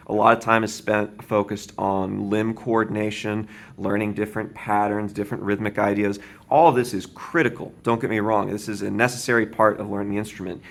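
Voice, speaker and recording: A man teaching drums, explaining a beginner beat and counting aloud with a steady, patient manner, often checking in with "right?". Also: fairly low pitch, gravelly. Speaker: drum teacher. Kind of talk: instructional demonstration. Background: drum kit playing.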